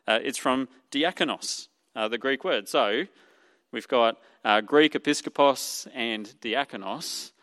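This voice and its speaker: A man giving a sermon, explaining scripture in an unhurried, thinking-aloud way with small fillers and restarts. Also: medium pitch, fairly bright tone. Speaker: preacher. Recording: long hall reverb.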